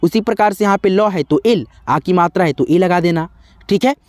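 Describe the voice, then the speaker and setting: A man's voice: high-pitched, normal speed, darkish tone, no room sound. A man teaching spelling to viewers in a patient, repetitive way, often calling them friends. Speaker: English teacher. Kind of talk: spelling lesson in Hindi.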